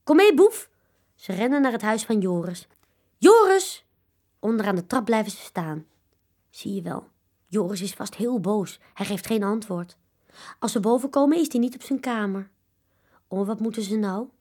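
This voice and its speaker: A woman reading a children's story aloud, expressive and animated. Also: mid-range voice, moderate pace.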